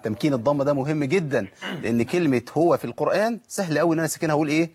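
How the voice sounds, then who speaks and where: A man's voice: on the high side, racing, darkish tone, breathy edge. A man with an Egyptian accent teaching Quran recitation in a televised lesson, patiently modeling and correcting pronunciation. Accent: Egyptian Arabic.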